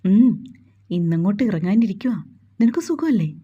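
A woman's voice: mid-range voice, lively intonation, normal speed, warm tone, husky, dull audio. A woman voicing a cheerful, teasing young man, chatting with an old friend. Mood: chatty.

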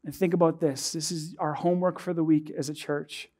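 Young man, pastor, earnest measured sermon, slightly high voice. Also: level tone, a little mellow. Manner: earnest, measured preaching with rhetorical questions. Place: dark church stage, indoors.

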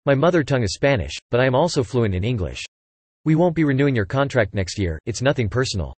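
Scripted English example sentences are read back to back by a man at a high speed and in an even, clipped manner, meant for listening practice. His pitch sits in the middle, and the sound is bone dry with no room sound at all.

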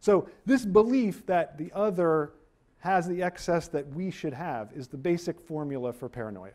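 Filmed from afar in a wood-paneled room, a middle-aged university lecturer speaks in a fairly high voice that is starting to give out. He stays animated and pokes fun at himself.

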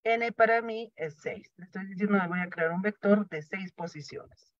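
A man's voice: high voice, normal speed, dry recording. A man teaching programming in a lecture, explaining each step and answering his own questions. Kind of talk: classroom lecture. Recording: dry, dull lo-fi sound.

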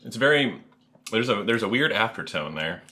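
Deep-voiced man talking while chewing. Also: normal speed. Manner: relaxed, loosely worded reactions. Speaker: taste tester. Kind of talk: casual food-tasting chat.

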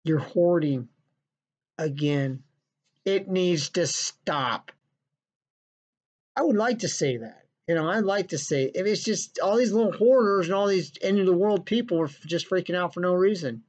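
A man's voice: high-pitched, normal speed, a little mellow. A man ranting in a sarcastic, scolding, profane vlog monologue from his basement. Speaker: vlogger. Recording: dull lo-fi recording.

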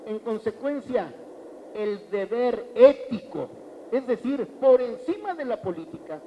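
High-voiced Mexican man giving a rally speech. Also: big pitch swings, unhurried, mellow, slight background noise, poor audio. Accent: Mexican Spanish. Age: middle-aged. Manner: emphatic, rhetorical, repeats phrases. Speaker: politician. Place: large open-sided banquet hall. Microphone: handheld mic.

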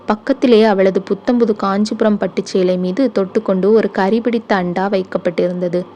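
A woman narrating a short story for an audiobook in a steady, measured way. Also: mid-range voice, a little hiss or hum.

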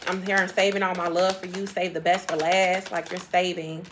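A woman's voice: fairly low pitch, flat delivery, moderate pace, noisy background. A woman giving a casual tarot reading to her viewers, chatty and emphatic, repeating phrases and laughing often. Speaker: tarot reader.

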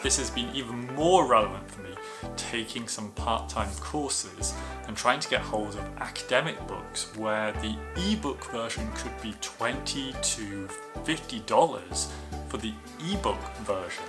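A man's voice: medium pitch, a little slow, music in the background. A man in a casual to-camera video review, explaining things in an enthusiastic, plain way.

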